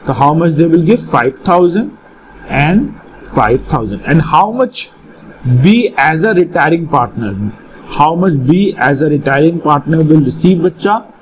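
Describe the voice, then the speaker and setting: High-pitched North Indian male teacher. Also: animated, normal speed, a little hiss or hum, poor audio. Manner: repeats phrases, questioning and instructing students. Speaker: accountancy teacher. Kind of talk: live online lesson with questions to students.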